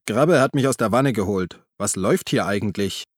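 A man's voice: fairly low pitch, expressive, dry recording, clean studio sound. A man voicing an impatient police inspector who presses for answers and drawls his words, in an audiobook reading. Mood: impatient probing. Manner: insistent, drawn-out words.

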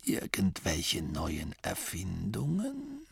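A man's voice: sits low, huge pitch swings, creaky, breathy edge, dry recording, exaggerated voice. A man voicing an ancient, mocking gnome abbot. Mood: quietly mocking. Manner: quiet, slow, dismissive.

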